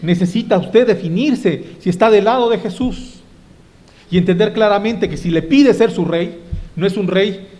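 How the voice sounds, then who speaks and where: A man preaching a Sunday sermon, dramatically acting out shouting crowds and asking the congregation questions. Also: sits high, moderate pace. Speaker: pastor.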